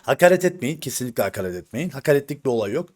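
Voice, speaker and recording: A man's voice: medium pitch, sing-song, racing. A man streaming live, venting bluntly to his viewers with slang and swearing, and repeating himself for emphasis. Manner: addresses the audience directly, repeats himself for emphasis. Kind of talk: casual stream talk to viewers.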